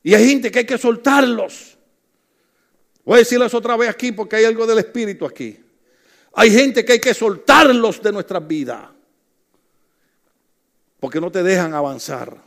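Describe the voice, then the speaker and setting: A man's voice: sits high, normal speed, vocal fry, pauses often, fairly bright tone. A middle-aged man preaching a sermon, telling funny stories and calling out to the congregation. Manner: humorous storytelling, calls out to the congregation. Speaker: pastor.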